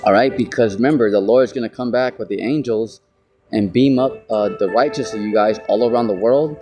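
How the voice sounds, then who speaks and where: A man's voice: mid-range voice, brisk, a little mellow, soft background music. An American man teaching from the Bible in a casual, rambling way, often saying "you know". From United States. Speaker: street preacher.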